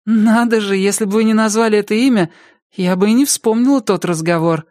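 A man's voice: high-pitched, fairly quick, darkish tone, no room sound, clean studio sound, voice pushed up, close to an everyday voice. A man reading an audiobook, voicing a wary, defensive middle-aged woman in a raised voice. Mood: guarded, doubtful. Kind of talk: audiobook character voice.

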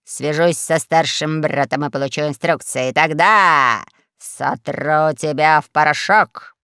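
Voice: medium pitch, moderate pace, clear, resonant tone, no room sound. A performer playing a boastful, bullying space admiral who blusters and threatens, in an audiobook. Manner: blustering, shouting.

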